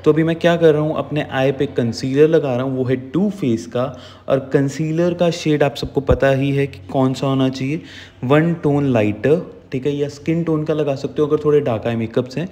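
Chatty male makeup tutor, mellow tone. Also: a little high, moderate pace, in a large hall. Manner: chatty, instructive, mixes English words in. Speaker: makeup artist.

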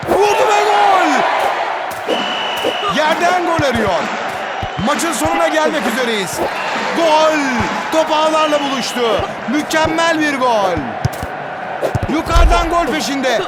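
A man voicing an excitable football commentator, screaming his goal calls in a shouted match commentary for a video game. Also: very high-pitched, a little slow. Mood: excited, screaming. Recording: loud stadium crowd noise over voice.

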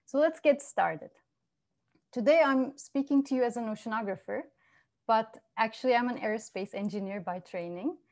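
A woman, a research scientist giving a prepared lecture over a video call, speaking clearly with measured, lively emphasis. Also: a little high. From Turkey. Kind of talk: prepared presentation over shared slides. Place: home, virtual beach background.

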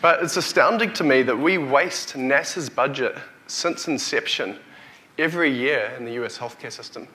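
This keynote comes from a company chief executive in his thirties, a New Zealander with a broad Kiwi accent. He talks at a normal speed in a bright, forward, mid-pitched voice, on stage before an audience in a hotel conference hall, picked up by a lapel or headset microphone.

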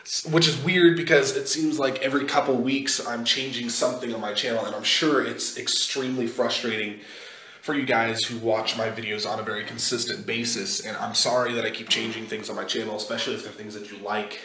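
A man's voice: medium pitch, steady tone, brisk, bright, forceful tone. A young man talking casually to his viewers in a vlog, recorded on a phone in an echoey indoor space. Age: young adult. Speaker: video blogger. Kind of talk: casual vlog talk to camera. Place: small echoey indoor walkway in a house being moved into. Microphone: phone at arm's length.

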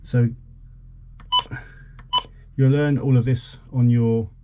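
Speaking slowly and steadily at medium pitch, a forties-aged male vlogger gives a loose, slightly halting walkthrough of a boat radio. Noise is clearly audible behind him.

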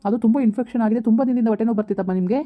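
A man playing a calm hospital doctor who explains things in a reassuring, repetitive way. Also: high voice, rapid-fire, lightly acted. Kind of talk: village comedy skit. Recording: tinny phone-like sound.

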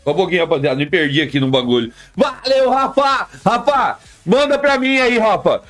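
High-voiced slangy male streamer. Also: lively intonation, quick pace, a bit bright, faint music behind. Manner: slangy, repetitive, talks straight to chat. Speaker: live streamer. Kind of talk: casual live-stream chat with viewers.

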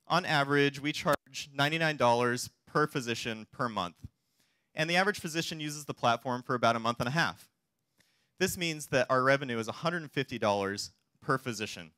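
A man in his thirties delivering a confident, polished, rehearsed startup pitch to investors as a chief executive. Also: bright, forceful tone, dry recording. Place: theater stage, indoors.

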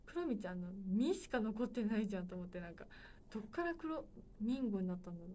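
A woman's voice: mid-range voice, big pitch swings, fast, warm tone, a little hiss or hum. A woman in her twenties hosting a solo livestream, chatting casually and playfully with viewers. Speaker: livestream host.

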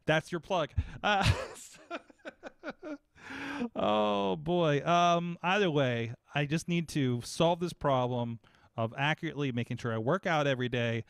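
Animated man on a studio podcast mic. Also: fairly high pitch, gravelly, dry recording. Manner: animated, rambling, self-mocking. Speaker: podcast host. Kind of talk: casual chat. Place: small studio with foam-paneled walls. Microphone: studio mic on boom arm, headphones.

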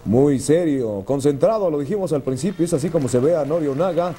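A man's voice: fairly high pitch, expressive, a little fast, warm tone, husky. A man with a Mexican accent commentating wrestling play-by-play as a lucha libre announcer, solemn and descriptive.

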